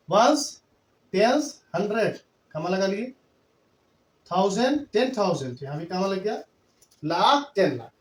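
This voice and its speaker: A man teaching a maths lesson in Hindi-English mix, patiently counting out place values step by step. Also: high-pitched. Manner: patient, repetitive counting aloud. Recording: echoey room, voice from far off.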